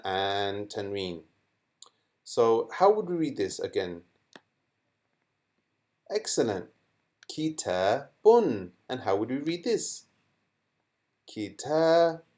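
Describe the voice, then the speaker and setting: A man teaching a children's lesson in a playful, animated way. He speaks slowly and clearly, and his pitch leaps around expressively as he asks the class questions and makes sound effects.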